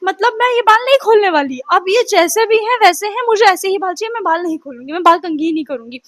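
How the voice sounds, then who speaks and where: A woman's voice: very high voice, expressive, quick pace, fairly bright tone. A teenage girl telling a personal story in a chatty, dramatic vlog style, acting out what people said. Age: teens. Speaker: vlogger.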